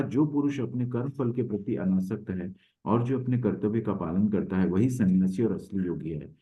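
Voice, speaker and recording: A man teaching an online scripture lesson, explaining patiently and often checking in with his listeners. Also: fairly low pitch. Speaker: Bhagavad Gita course teacher. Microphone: online class audio. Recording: phone-like narrow sound.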